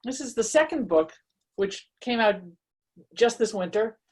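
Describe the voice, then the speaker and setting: Here a woman author with a higher, expressive, slightly mellow voice reads from her own book and talks about her work at a measured pace. The book talk is casual, chatty and full of self-deprecating humor.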